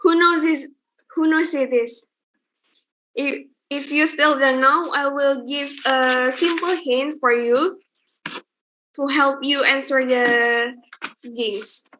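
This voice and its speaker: A woman's voice: high voice, fairly even intonation, slow, bright, forceful tone, slight background noise. A young woman hosting an online student event, calling on delegates one by one and encouraging them.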